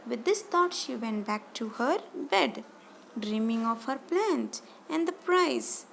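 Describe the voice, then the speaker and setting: A woman with an Indian English accent retells a class story in a high, gravelly voice. She is expressive and keeps rephrasing lines as she explains. Faint background noise sits under her. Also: slow, rough recording. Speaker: teacher.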